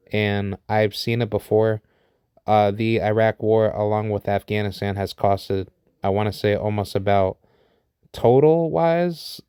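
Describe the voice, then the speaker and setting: Man, 30s, from the US, smooth resonant voice, dry close sound, rambling monologue with fillers and restarts. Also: lowish voice, a little mellow, dry recording. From United States. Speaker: vlogger sharing opinions. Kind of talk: unscripted opinion monologue.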